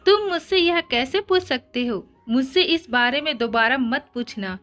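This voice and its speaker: A woman's voice: high voice, lively intonation, normal speed, a bit bright. A woman voicing a flustered, prickly teenage girl who answers with indignant, embarrassed retorts.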